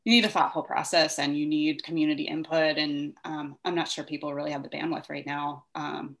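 Low-voiced chatty woman, thinking aloud. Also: flat delivery, a little fast, gravelly. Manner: laughs lightly while talking. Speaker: vice mayor, co-host. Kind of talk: casual civic discussion.

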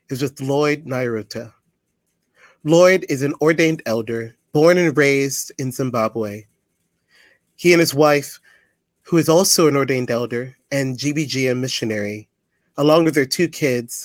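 A man's voice: medium pitch, no echo. A man hosting a podcast, friendly and upbeat as he introduces and questions his guest. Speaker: podcast host.

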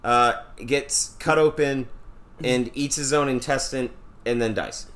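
A man's voice: medium pitch, fairly even intonation, a little slow, fairly bright tone. A man co-hosting a podcast in casual chat, talking loosely and swearing offhandedly. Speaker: podcast co-host.

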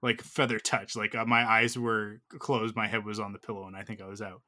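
A man's voice: lowish voice, little pitch movement, brisk, bright, forceful tone. A man in his thirties telling a long personal story in casual chat, full of fillers and restarts. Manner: rambling, filler-heavy storytelling.

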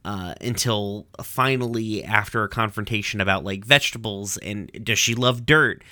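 Young guy rambling thru a cartoon recap, swears a lot, sharp bright voice, dead dry sound. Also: lowish voice, normal speed, no room sound. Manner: profane, rambling, with lots of fillers. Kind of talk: casual episode recap.

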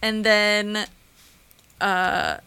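A woman running a tabletop game as game master, reading rules in a steady, measured way with frequent ums. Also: medium pitch, clean tone, no room sound.

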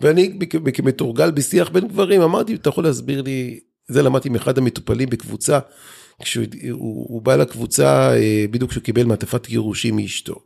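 A man's voice: mid-range voice, gravelly, darkish tone, husky. A man, a group therapist and guest, explaining things thoughtfully in conversation and often restarting his sentences.

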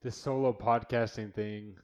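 A man's voice: lowish voice, fairly even intonation, unhurried, a little mellow. A man hosting a solo podcast from his new home studio, rambling bluntly and swearing freely. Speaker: podcast host.

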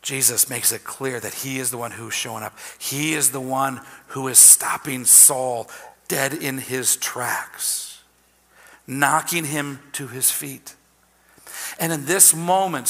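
A man's voice: medium pitch, pushed and bright. A man preaching a sermon as pastor, in a conversational style that repeats key phrases. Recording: long hall reverb.

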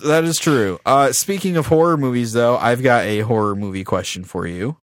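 A man's voice: medium pitch, moderate pace, dry recording, studio quality. A man co-hosting a casual podcast, teasing his co-host in playful banter.

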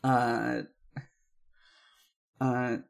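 Very slow and flat in pitch, with vocal fry in his mid-range voice, this man co-hosts a podcast. He talks casually about movies and video games, hesitating often and leaning on filler words.

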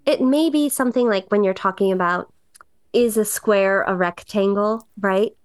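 A woman's voice: mid-range voice, moderate pace, clean tone, no room sound, clean studio sound. A woman co-hosting a TV podcast with wry humor while recovering from a cold, recording remotely. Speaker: podcast co-host. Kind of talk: casual podcast chat.

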